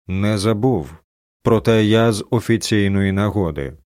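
A man voicing a stately older male senator in a toga, grave, measured and commanding. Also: on the low side, darkish tone, no room sound, studio quality, natural voice.

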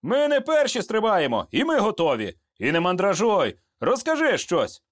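A man's voice: sits high, wildly swooping pitch, normal speed, pitched above the performer's own voice, heavily acted. Man doing joking veteran sergeant, raised voice, blunt and bantering. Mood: teasing. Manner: bantering, coarse humor, giving orders. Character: joking, seasoned male sergeant, fatherly and blunt.

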